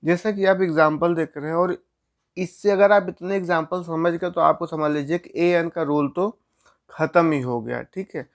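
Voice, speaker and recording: A man's voice: a little high, fairly even intonation, moderate pace. A man teaching a grammar lesson, explaining step by step and asking questions he answers himself.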